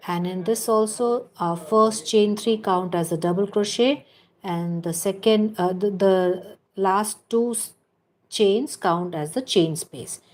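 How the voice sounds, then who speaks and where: Speaking at mid-range pitch with a touch of mellowness, a woman leads a live crochet lesson for her stream. Patient, step-by-step guidance and out-loud stitch counting mix with casual asides to the audience.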